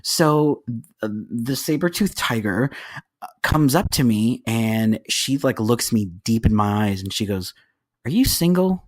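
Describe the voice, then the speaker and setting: A man's voice: mid-range voice, unhurried. Man in his thirties, podcast host, chatty storytelling, acts out voices. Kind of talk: casual storytelling chat.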